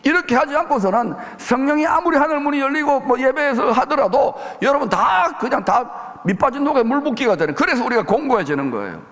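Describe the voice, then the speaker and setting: A man's voice: extremely high pitch, very animated, brisk, hardly any pauses, a bit bright, in a large hall. A man preaching a sermon as pastor, making emphatic declarations. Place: church sanctuary.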